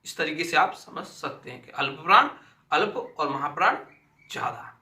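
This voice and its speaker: Bright, high-voiced man teaching in an echoey room. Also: normal speed. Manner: drills sounds by repeating them aloud, asks and answers his own questions. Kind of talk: exam-prep grammar lesson.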